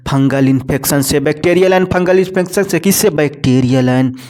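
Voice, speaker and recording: Brief: male biology tutor, slightly high voice, repetitive question-and-answer drilling. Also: normal speed, a little mellow. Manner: repeats key terms, asks and answers own questions; talks to students as "bhai sahab" and "beta". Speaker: biology teacher. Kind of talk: exam-prep lecture.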